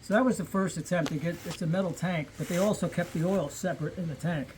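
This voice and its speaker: A man speaks in a thin, reedy, somewhat squeaky voice that sits a bit high. He explains things off the cuff like a hobbyist, rambling and pausing as he thinks aloud. There is noticeable noise in the recording. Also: steady tone, a little mellow, low-quality recording. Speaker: vintage chainsaw hobbyist explaining features. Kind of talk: casual, unscripted explaining and chat.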